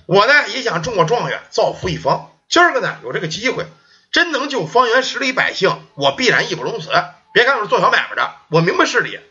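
A blunt, good-hearted young peddler, as a storyteller puts him on, who speaks in quick, exclamatory street talk. The voice is high, bright and lively. The recording is dull and lo-fi. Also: male voice, heavily acted. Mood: resolute.

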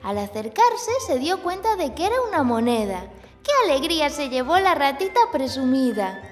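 A woman narrating a children's tale in a gentle, expressive way. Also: high voice, normal speed. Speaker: children's storyteller. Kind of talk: scripted storybook narration. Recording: long hall reverb, faint music.

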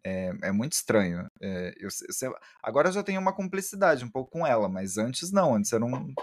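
Dry-voiced, halting male guest. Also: mid-range voice, sing-song, no room sound. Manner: halting, many restarts, self-described shy. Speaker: interview guest, book content creator. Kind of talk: casual interview chat.

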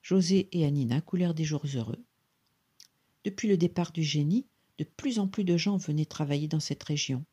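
A narrator reading a folk tale aloud in an even, gentle storytelling manner. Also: medium pitch, moderate pace, husky.

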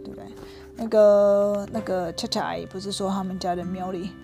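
Brief: woman reading a kids' story, conversational, soft guitar underneath. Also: medium pitch, steady tone, a little fast. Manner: warm and chatty, asking the listener questions, mixing in English words. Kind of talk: animated storytelling for children.

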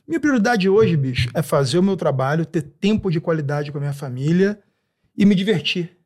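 A man's voice: fairly high pitch, expressive, brisk, a little mellow. A man with a Brazilian Portuguese accent speaking emphatically in a casual podcast conversation, often repeating phrases and checking he is understood. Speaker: podcast guest.

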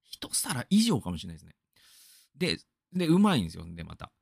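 A man's voice: mid-range voice, wildly swooping pitch, fast, gravelly, husky, no echo, clean studio sound. A man from Aichi in Japan hosting a radio show, rambling through a casual monologue full of fillers and asides.

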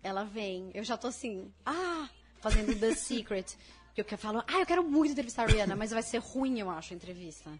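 A woman's voice: a little high, expressive, fairly quick, faint music behind. A woman from inland São Paulo state, chatting as an interview guest, laughing often and acting out quoted lines. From interior of São Paulo state, Brazil. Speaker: interview guest, video creator. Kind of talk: casual interview chat.

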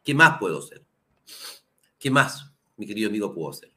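A Chilean man, a lawyer hosting his own program, delivering impassioned political commentary with a hoarse, sore throat, asking the audience rhetorical questions. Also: lowish voice, sing-song, a little fast, sharp tone. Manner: indignant, rhetorical questions, addresses the audience directly.

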